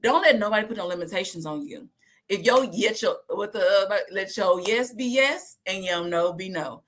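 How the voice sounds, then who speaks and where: A woman's voice: mid-range voice, normal speed, a little hiss or hum. Chatty woman in her thirties. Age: 30s. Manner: chatty, lively, acts out quoted voices. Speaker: host. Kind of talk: casual talk to viewers.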